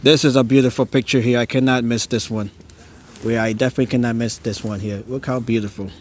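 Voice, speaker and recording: Out on a neighborhood street after dark, a man hosts a casual live stream of holiday lights, his mid-range, slightly mellow voice moving fast with fairly even intonation. Awe colors his narration, along with frequent chuckles and some stammering. A phone on a handheld gimbal picks him up, with slight background noise.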